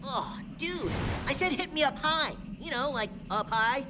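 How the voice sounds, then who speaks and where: A woman voicing an excitable, slangy teenage boy in a cartoon. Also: high voice, measured pace, heavy background noise. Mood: excited. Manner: eager, slangy, panicky.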